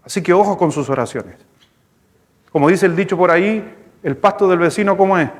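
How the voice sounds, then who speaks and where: A male pastor with a Chilean accent, preaching a sermon in a lively, storytelling way, speaking to the congregation. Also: high voice, brisk. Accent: Chilean Spanish. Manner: storytelling, animated, conversational with congregation. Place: church hall. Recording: long hall reverb in church.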